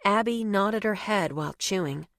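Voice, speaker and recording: A woman's voice: mid-range voice, moderate pace, dry recording, studio quality. A woman narrating a novel in the first person, with a wry, conversational telling. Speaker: audiobook narrator.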